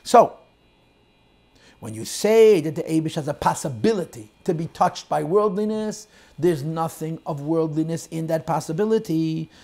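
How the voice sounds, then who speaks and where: A man's voice: a little high, lively intonation, moderate pace. Man teaching a Chassidic text class. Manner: explains in English mixed with Hebrew and Yiddish terms, varying emphasis; quotes and translates lines of text, swings loud and soft. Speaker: Torah teacher.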